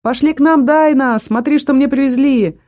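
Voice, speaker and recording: A woman voicing a carefree young male vampire student who calls out loudly and cheerfully. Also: lowish voice, animated, normal speed. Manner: loud, carefree calling out.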